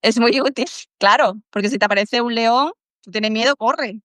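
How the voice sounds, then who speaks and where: A woman's voice: fairly high pitch, moderate pace, fairly bright tone, no room sound. A woman with an Andalusian accent, a podcast guest talking in an earnest, reflective way and sometimes acting out her inner dialogue. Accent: Andalusian Spanish. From Málaga, Spain. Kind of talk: casual interview chat.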